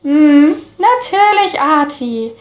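A woman voicing a cheerful, pushy young male student who teases in a high, playful, whiny voice. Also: expressive, normal speed, roomy sound. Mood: whiny teasing.

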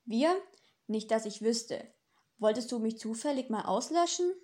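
Woman reading as a brash male demon, centuries old, sneering, dry, mocking, audiobook voice, slightly high. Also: lively intonation, a little slow, a little mellow.

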